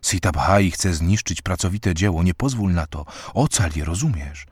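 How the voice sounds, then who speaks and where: Lektor jako przejęty młody mężczyzna, niski, chropawy głos, suche nagranie. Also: male voice, sits low, moderate pace, a little mellow, husky, no room sound, clean studio sound. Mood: urgent. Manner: urgent, pressing.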